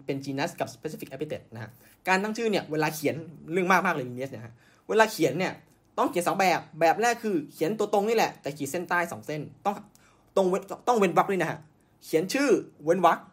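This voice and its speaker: A man's voice: on the high side, a bit bright. A man hosting a podcast, telling science history in a casual way, with many fillers and self-corrections. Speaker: podcast host.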